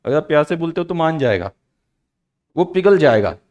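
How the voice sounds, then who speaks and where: A male accounts teacher giving a live online lecture in a fairly high voice. He keeps things playful and joking and drops English phrases into his teaching. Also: very animated, moderate pace, a little mellow, highs cut off.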